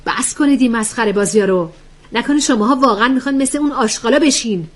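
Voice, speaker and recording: A woman voicing an irritated young woman who speaks in a sharp, dismissive way. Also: on the high side, husky, pitched above the performer's own voice.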